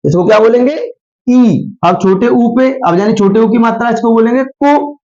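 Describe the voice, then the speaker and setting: A slightly hoarse man teaching the Hindi alphabet, asking questions and answering them himself while drawing out each syllable. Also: very high-pitched, fast, darkish tone. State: slightly hoarse from a sore throat. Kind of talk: slow spoken Hindi alphabet lesson. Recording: dull lo-fi recording.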